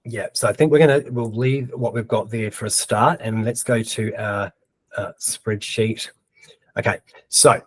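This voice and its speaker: A webinar presenter with a New Zealand accent and a medium-pitched voice runs a casual screen-share tutorial, chatting and thinking aloud as he types, with plenty of ums. The recording is rough.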